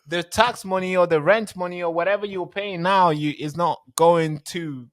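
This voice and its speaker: A young man hosting a podcast over a remote call, talking in a relaxed, chatty way with frequent restarts. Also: high voice, normal speed. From born in a refugee camp in Tanzania. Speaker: podcast host. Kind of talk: casual interview chat.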